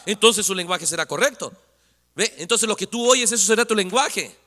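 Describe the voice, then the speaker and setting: High, bright-voiced preacher in echoing church. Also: male voice, animated, a little fast. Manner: emphatic, keeps asking "understand?"; rises to shouting on key points. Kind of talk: sermon. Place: church sanctuary. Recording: long reverb of a church hall.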